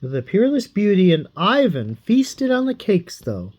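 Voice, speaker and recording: A man reading a fairy tale aloud in a playful, animated way. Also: high voice, measured pace. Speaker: storyteller.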